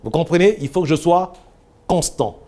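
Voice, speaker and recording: A man leading a voice training workshop, coaching students with animated corrections. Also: on the high side, normal speed.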